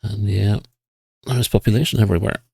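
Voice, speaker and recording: A man giving casual gameplay commentary, musing to himself and reading signs and place names aloud in a husky voice. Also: on the low side, steady tone, fairly quick, mellow, no echo. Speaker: GeoGuessr player.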